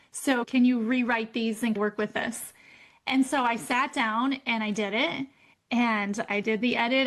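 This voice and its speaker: A woman's voice: on the high side, fairly bright tone. A woman co-hosting a podcast, telling a personal story candidly and laughing often. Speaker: co-host. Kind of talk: casual podcast chat.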